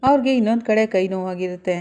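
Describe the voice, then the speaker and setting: Mellow-voiced woman retelling a serial. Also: medium pitch, fast talker. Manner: plain storytelling pace, steady. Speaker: narrator. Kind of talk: casual retelling of a TV serial episode.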